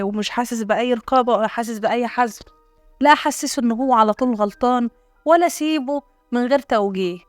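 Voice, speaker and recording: Fast-talking Egyptian woman coach. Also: on the high side. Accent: Egyptian Arabic. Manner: gentle, explanatory, acts out calm talks with a child. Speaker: parenting coach. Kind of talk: spoken parenting lesson.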